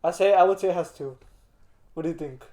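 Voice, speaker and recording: A man's voice: high-pitched, quick pace, mellow. A young man chatting casually like a laid-back stoner, slangy and full of swearing. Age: young adult. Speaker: co-host. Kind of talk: casual chat. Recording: roomy, echoing indoor sound.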